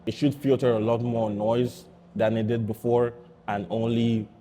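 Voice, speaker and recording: A man reviewing gear in a steady, explanatory way, his voice heard through a wireless mic's noise cancellation with processing artifacts. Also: mid-range voice, a little slow. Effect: noise-cancelled through a wireless mic, with processing artifacts. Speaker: product reviewer. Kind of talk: casual tech review walkthrough.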